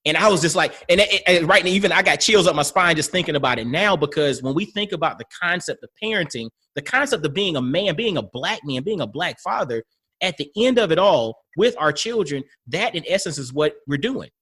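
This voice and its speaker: A man hosting a podcast, with a somewhat high voice that rises and falls a lot. He sounds reflective and engaged, and he drops frequent murmurs of agreement. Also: expressive, fairly quick, bright, forceful tone, husky. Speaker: podcast host. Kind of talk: casual conversation.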